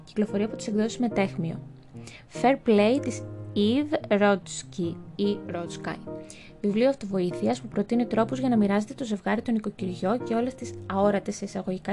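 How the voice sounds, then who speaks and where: A young adult woman chatting through a list of books, with wry asides and stumbles over foreign titles. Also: mid-range voice. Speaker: book vlogger. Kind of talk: casual book review narration. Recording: music playing behind the voice.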